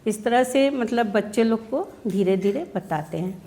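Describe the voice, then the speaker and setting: A woman's voice: fairly high pitch, lively intonation, measured pace, dark tone. A woman schoolteacher at a workshop, explaining how she teaches children, asking questions and acting out their answers. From India. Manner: explains with questions, often adds "है ना?". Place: workshop session.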